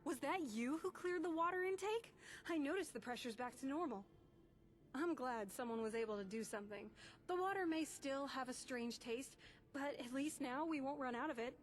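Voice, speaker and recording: A woman's voice: high-pitched, moderate pace, natural voice. A woman playing a friendly, chatty vault resident in video game dialogue. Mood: grateful.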